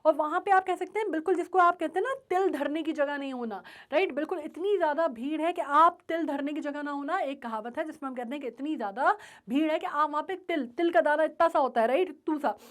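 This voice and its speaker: High-voiced teacher checking in often. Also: female voice, fast talker. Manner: explains with frequent check-in questions; mixes Hindi and English terms. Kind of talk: chapter explanation lesson.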